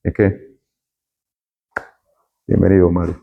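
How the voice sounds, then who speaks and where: A man's voice: deep voice, flat delivery, slow, vocal fry, narrow, tinny audio. A middle-aged man, a university lecturer taking roll and chatting with students in a classroom. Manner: friendly, chatty, jokes with students.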